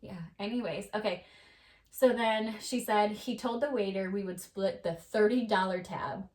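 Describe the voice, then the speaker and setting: A woman co-hosting a casual chat podcast, her voice sitting at an ordinary middle pitch. She tells her stories with energy and swears freely along the way. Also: normal speed. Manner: animated storyteller, swears freely. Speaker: podcast co-host; mother.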